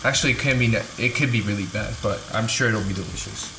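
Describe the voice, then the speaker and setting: A young adult man with a fairly low voice talks fast and casually while cooking at home, thinking aloud and poking fun at his own cooking. A distant camera mic picks him up in an echoey indoor kitchen, with a sizzling pan and background music behind him.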